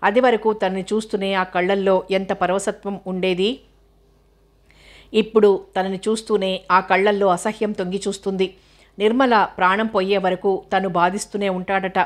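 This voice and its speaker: Woman reading a novel in a flat voice. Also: medium pitch, moderate pace. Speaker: audiobook narrator. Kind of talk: scripted novel narration.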